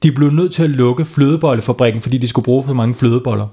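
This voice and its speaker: A man's voice: mid-range voice, warm tone, slightly rough. A man telling a bedtime story to children in a playful way, stopping to ask them questions.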